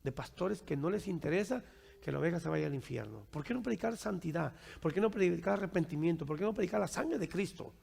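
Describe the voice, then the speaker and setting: A man's voice: high voice, animated, fast talker, creaky, a little mellow, husky, in a large hall. A man preaching to his congregation and taking their questions, with a habit of asking "right?" after his points and calling his listeners brother. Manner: keeps asking "¿verdad?" and addresses listeners as brother. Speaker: pastor.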